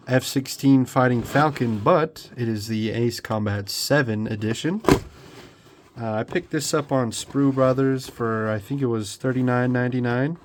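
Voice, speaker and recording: At a home hobby workbench, a young model builder with a cold and a congested sound talks through an unboxing, ambling along with plenty of ums and false starts. His pitch is medium, and there's slight background noise.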